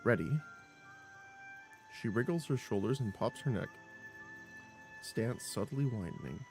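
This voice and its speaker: A man streaming a role-playing game, reading its text aloud with expressive narration and quick reactions. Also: mid-range voice. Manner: expressive narration broken by laughs and small exclamations. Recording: voice over game music.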